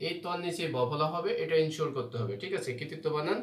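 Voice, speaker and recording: A man's voice: a little high, fast talker, far from the mic. A man teaching Bengali spelling rules for exams, explaining patiently and often checking that students follow. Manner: explains patiently, often asks "ঠিক আছে?". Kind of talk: exam-prep spelling lesson. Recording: roomy echo, from away from the mic, faint hum.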